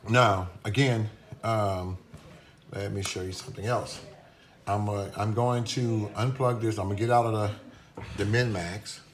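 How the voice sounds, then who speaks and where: A man's voice: fairly low pitch, steady tone, measured pace, slight background noise. A man giving a casual, hesitant hands-on demonstration at a workbench, with many restarts and fillers, recorded on a phone camera. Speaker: product reviewer demonstrating a meter.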